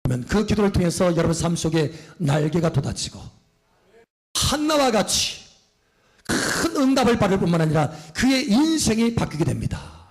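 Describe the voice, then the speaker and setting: A man's voice: high-pitched, big pitch swings, a little fast, hardly any pauses. A male pastor preaching a fervent sermon, often calling out hallelujah and putting questions to the congregation.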